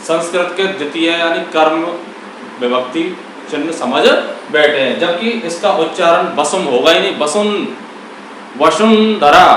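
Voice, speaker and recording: A man with a slightly high, somewhat bright voice teaches Hindi grammar in a classroom-style explanation, asking and answering his own questions. The recording has a little hiss or hum and a very echoey room, with his voice far from the mic.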